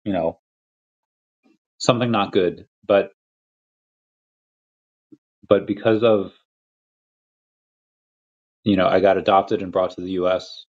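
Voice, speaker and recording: A young man from Peru hosting a casual livestream chat, rambling and restarting his sentences, with quick laughs between thoughts. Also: sits low, little pitch movement. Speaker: crypto livestream host. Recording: lo-fi dull audio.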